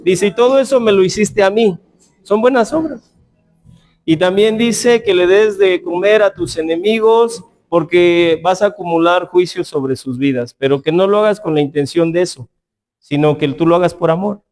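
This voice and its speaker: Bible class teacher, a man with a high voice, chatty and anecdotal. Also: moderate pace, darkish tone. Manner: conversational, tells anecdotes with quoted dialogue.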